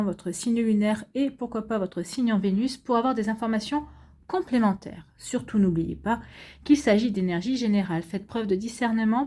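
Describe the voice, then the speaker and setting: A woman giving a casual tarot reading to her viewers. She sounds tired, speaks gently and reassuringly, and often hesitates and restarts her sentences. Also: fairly high pitch. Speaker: tarot reader.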